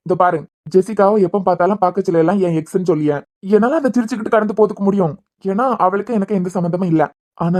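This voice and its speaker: A woman voicing a devoted young husband who is a hospital head, speaking in a Kanyakumari Tamil accent, bantering fast and turning stern at times. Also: fairly low pitch, mellow, close to an everyday voice. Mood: tender, reassuring. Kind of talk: cartoon web series voice acting.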